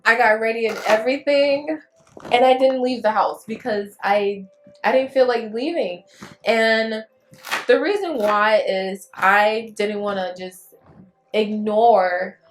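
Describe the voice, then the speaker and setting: A Liberian woman vlogger on her YouTube channel chats to the camera in a casual, confessional way, sharing personal thoughts candidly and reflectively. Her voice is a little high, and the recording is reverberant with a noisy background.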